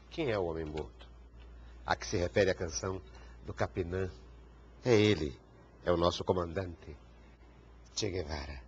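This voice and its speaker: Man hosting a TV interview show. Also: low-pitched. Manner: rambling, stumbles and repeats words. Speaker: TV talk show host. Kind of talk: TV interview conversation. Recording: dull TV broadcast sound with faint hiss.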